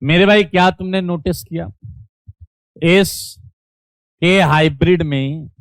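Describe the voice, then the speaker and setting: A man's voice: a little high, slow, clear, resonant tone, dry recording. A man teaching chemistry in an online class, teasing students playfully and calling out their chat answers.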